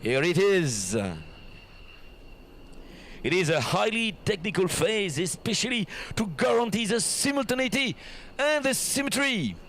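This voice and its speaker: A man's voice: high voice, expressive, measured pace, fairly bright tone, slight background noise. A man with a French accent giving live airshow commentary, explaining each formation in an admiring, showy way.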